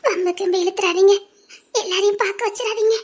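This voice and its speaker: A woman's voice: very high voice, steady tone, fast, voice pushed up. A woman with a Tirunelveli accent voicing a frightened young wife who whimpers and pleads tearfully. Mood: pleading. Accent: Tirunelveli Tamil.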